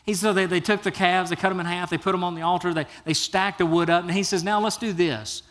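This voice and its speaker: A pastor delivers his sermon in a fairly high, lively voice, spinning Bible stories in casual, down-home phrasing. He acts out the characters' lines as he goes, letting his voice rise and fall. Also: fast. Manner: animated storytelling, acts out biblical figures.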